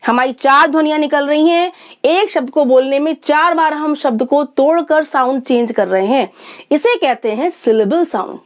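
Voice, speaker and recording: A woman with an Indian accent teaching an online lesson, sounding out English words slowly syllable by syllable. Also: sits high.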